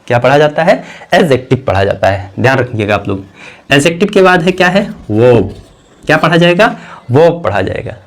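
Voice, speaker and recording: A man teaching a grammar lesson who keeps asking questions and answering them himself, repeating key words, and now and then clearing his throat. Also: mid-range voice, big pitch swings, a little fast, fairly bright tone.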